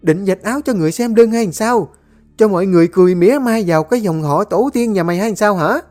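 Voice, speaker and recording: A storyteller voicing a cruel, domineering older mother-in-law who scolds and shouts. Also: mid-range voice, quick pace, soft background music, voice pushed up, natural voice. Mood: scolding.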